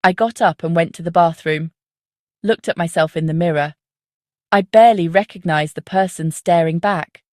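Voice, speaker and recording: Speaking in the first person, a woman narrates a dark psychological story at normal speed. Her voice is on the low side, and the recording is very dry, with no room sound at all.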